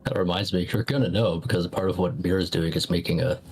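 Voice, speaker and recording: A man's voice: sits low, fairly even intonation, quick pace, darkish tone, slightly rough. A man playing a tabletop game, chatting and bantering casually as a player.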